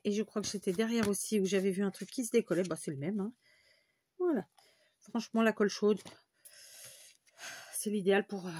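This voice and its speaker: A woman's voice: medium pitch, a little mellow, a little hiss or hum. A woman hosting a casual crafting tutorial, chatty and thinking aloud as she works, sometimes talking to herself.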